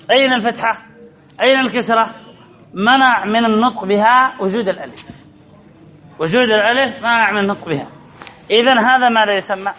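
A male grammar teacher giving a classroom lesson, repeating key phrases and quizzing his students with drawn-out words. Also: very high-pitched, pushed and bright, highs cut off.

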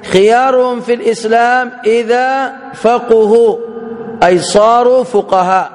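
A man teaching a religious lesson in a measured, explanatory way, spelling out each point with care. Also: high voice, in a large hall. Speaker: Islamic teacher.

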